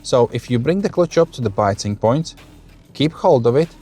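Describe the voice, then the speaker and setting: A man speaking as a driving instructor, calmly narrating each action in a step-by-step demonstration. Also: mid-range voice, normal speed, breathy edge, soft background music.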